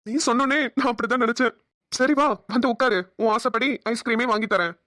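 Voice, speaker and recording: A woman's voice: on the high side, steady tone, fast, a bit bright, no room sound, clean studio sound, close to an everyday voice. A woman voicing a protective young husband in a cartoon, teasing his wife with affectionate ribbing. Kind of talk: cartoon voice acting.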